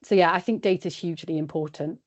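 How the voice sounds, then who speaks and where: A woman's voice: lowish voice, fast talker, a little mellow. Woman chatting plainly, lo-fi sound. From West Wales. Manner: chatty, conversational and practical. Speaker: independent sheep consultant. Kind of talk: podcast interview. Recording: dull, lo-fi sound.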